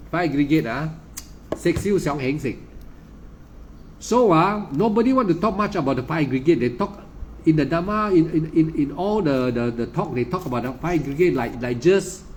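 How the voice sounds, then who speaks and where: Man, malaysian english accent, slightly high voice, insistent and repetitive, dharma talk, faint hiss behind. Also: a little mellow. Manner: emphatic and repetitive, with many stammered restarts; insistent, lecturing. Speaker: meditation teacher.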